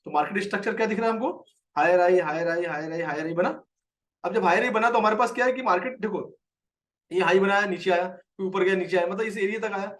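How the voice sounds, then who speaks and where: Indian man, trading teacher, quick delivery, high voice, slightly distant mic. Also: fairly bright tone. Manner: explains a chart, quizzes viewers by name. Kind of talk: live market lesson.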